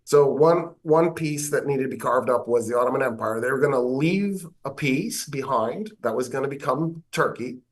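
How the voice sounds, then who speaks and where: An American man, a government professor, explaining history in an interview with animated delivery and wry asides. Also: mid-range voice.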